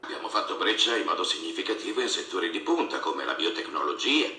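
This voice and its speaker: Deep menacing boss man, quick talker, tv drama, echoey and far from mic. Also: very animated, pushed and bright, heavily acted. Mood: formal. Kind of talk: Italian TV series dubbing. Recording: distant, echoey TV playback, crowd behind.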